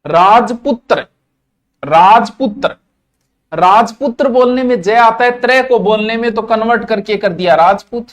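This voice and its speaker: A man's voice: extremely high pitch, normal speed. A middle-aged man with a Rajasthani accent giving a casual, jokey classroom lecture, slipping into Marwari asides. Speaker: teacher.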